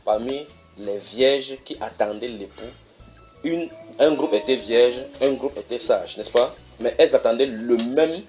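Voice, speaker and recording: Man, preacher, sermon teaching, reads verses slowly, checks his listeners follow, medium pitch, faint music behind. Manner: reads verses slowly then explains, asks the audience if they follow. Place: church.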